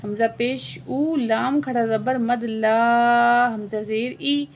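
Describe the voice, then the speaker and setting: A woman teaching Quran tajweed word by word. She spells out each letter and vowel mark, chants the words slowly and drawn out, and answers her own quiz questions in quick, quieter asides. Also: a little high, fairly even intonation. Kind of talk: word-by-word recitation lesson.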